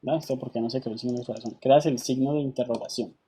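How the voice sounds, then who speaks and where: A man teaching an online software class. He patiently explains each step and keeps checking in with his students over a video call. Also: mid-range voice, steady tone, racing, breathy edge.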